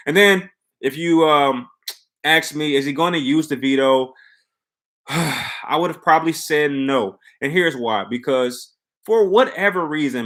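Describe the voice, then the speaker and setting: A man's voice: mid-range voice, fairly bright tone. A man hosting a live commentary stream, talking conversationally and giving opinions with rhetorical questions and emphatic repetition. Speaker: host of a reality show commentary stream.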